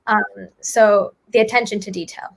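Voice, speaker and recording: A woman's voice: medium pitch, steady tone, normal speed, gravelly. Young woman, interview guest, reflective, lots of fillers, casual chat. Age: young adult. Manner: reflective, many fillers like "like" and "I think". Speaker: guest, student author and app maker.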